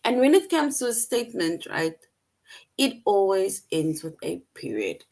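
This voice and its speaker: A woman's voice: medium pitch, big pitch swings, measured pace, gravelly, darkish tone. A woman teaching an online English lesson to young children, patient and repetitive, often checking in with "right?".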